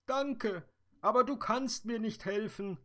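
A man voicing a tearful female dream fairy in a high, lamenting storybook voice. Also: takes it slowly, fairly bright tone.

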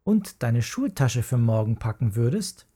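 A narrator voicing a patient mother in a children's story who gently chides her son. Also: mid-range voice, big pitch swings, a little slow, husky. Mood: gently chiding.

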